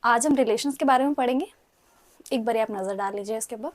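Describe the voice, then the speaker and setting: A woman's voice: fairly high pitch, brisk. A young Indian woman with an Indian accent, teaching a casual online language lesson, chatty and mixing Hindi with English as she coaxes students to repeat words.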